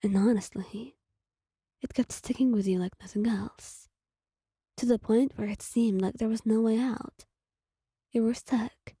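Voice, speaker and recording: Woman narrator, whispered role-play, husky, very warm and dark tone. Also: a little high, steady tone, a little slow, pauses often, no room sound, studio quality. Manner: soft, half-whispered storytelling. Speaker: fan-fiction reader.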